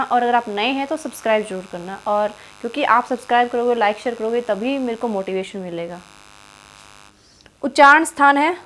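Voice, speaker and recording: A woman teacher giving an exam-prep grammar lesson, quizzing the viewer and repeating each syllable aloud. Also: on the high side.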